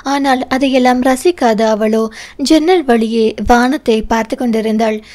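A woman reads a romantic audio novel aloud in a steady storytelling manner. Her voice sits a little high for a woman. She narrates the scenes between the characters' lines. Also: unhurried. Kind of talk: scripted narration.

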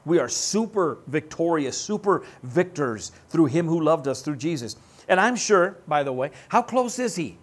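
A man's voice: fairly high pitch, lively intonation, normal speed. An American man preaching a sermon as pastor, conversational and joking, often putting questions to his congregation.

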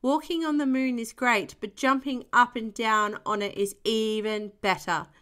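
A woman voicing an excitable little girl piglet in an eager child voice. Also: a little high, a little slow. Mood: delighted.

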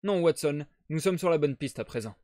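A man playing a sharp, self-assured male detective, in a brisk, reasoning manner. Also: fairly high pitch, animated, dry recording, studio quality, close to an everyday voice.

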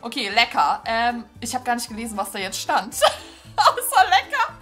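Bright, lively woman gaming host. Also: fairly high pitch, normal speed, soft background music. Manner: excitable, chatty, addresses viewers as "Leute". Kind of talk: casual let's-play commentary.

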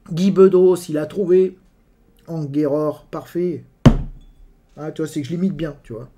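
A man's voice: on the high side, normal speed, noisy background. A man giving a casual live miniature painting tutorial. He jokes, swears freely and talks to his viewers while he paints, often trailing off mid-sentence. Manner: joking, chatty, swears freely.

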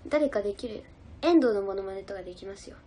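A woman's voice: mid-range voice, animated, fast talker, dark tone. A young woman idol chatting casually on a livestream, giggling as she reads out and answers viewer comments. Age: young adult.

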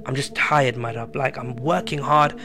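A man, telling a personal story in casual podcast chat, animated and full of slang. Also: mid-range voice, moderate pace, gravelly. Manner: animated, slangy, repeats himself. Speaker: podcast guest. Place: small room with a poster wall. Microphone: studio mic on a stand.

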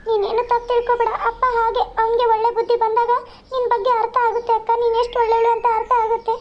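Woman doing a sweet cartoon college girl, very high voice, fast, affectionate, coaxing. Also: completely flat delivery, slight background noise. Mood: consoling. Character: sweet, loving younger sister, a college girl. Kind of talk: cartoon voice acting. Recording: slightly dull lo-fi sound.

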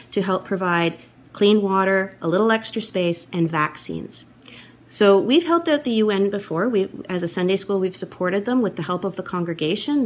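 A middle-aged woman telling a children's story for a church, expressive and animated, recorded on a laptop webcam at home. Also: medium pitch. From Canada. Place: wood-panelled room at home, indoors. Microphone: laptop webcam, close framing.

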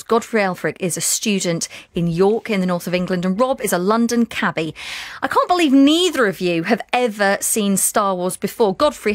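A woman in her thirties hosting a live radio discussion from a studio, chatty and brisk. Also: mid-range voice, dry recording. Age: 30s. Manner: brisk, chatty, lively presenting. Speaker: radio show host.

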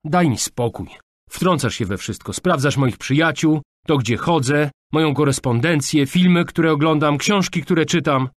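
A man voicing a hot-tempered fifteen-year-old girl who shouts back indignantly. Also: on the low side, lively intonation, normal speed, few pauses, husky, dry recording, studio quality.

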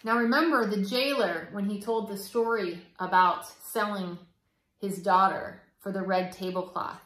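A woman reading a children's novel aloud, steady and clear. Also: medium pitch, unhurried. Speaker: reader. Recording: roomy echo.

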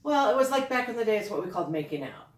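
A woman's voice: fairly high pitch, sing-song, racing. A middle-aged woman hosting a casual chat show, easygoing with short reactions. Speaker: podcast host. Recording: roomy sound, distant mic, faint noise.

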